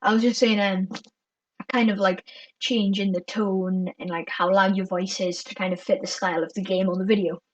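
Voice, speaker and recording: A woman's voice: mid-range voice, steady tone, moderate pace, dry recording, distant mic, dull audio. A woman co-hosting a casual podcast, rambling and filling her talk with "like" and "kind of.". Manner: rambling, heavy use of "like" and "kind of". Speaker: podcast co-host.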